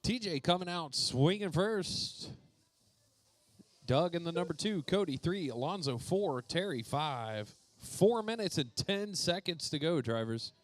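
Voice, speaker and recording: A man's voice: a little high, animated, a little slow, no echo. A man doing playful live commentary at an indoor RC racetrack, calling out drivers by name. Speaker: RC race announcer.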